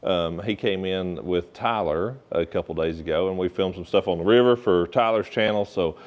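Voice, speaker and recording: A man, a professional angler, hosting a casual fishing-tour vlog in a relaxed, joking, folksy way. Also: deep voice, moderate pace.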